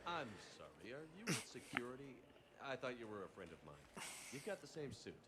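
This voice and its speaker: A man playing a steady military commander in a video game, with a dry, politely sardonic manner. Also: mid-range voice, brisk, very noisy, lightly acted. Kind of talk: video game character dialogue.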